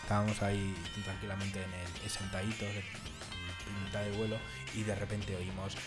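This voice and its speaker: A man's voice: fairly low pitch, little pitch movement, moderate pace. A man co-hosting a casual show, chatting and telling stories with friends, laughing often. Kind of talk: casual banter among friends. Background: music playing.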